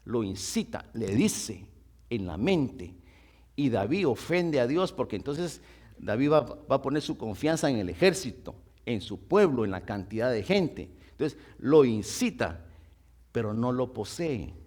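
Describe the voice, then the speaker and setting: Animated man teaching a Bible study. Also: medium pitch, a little slow. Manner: asks the congregation rhetorical questions; emphatic, repeats and restarts phrases.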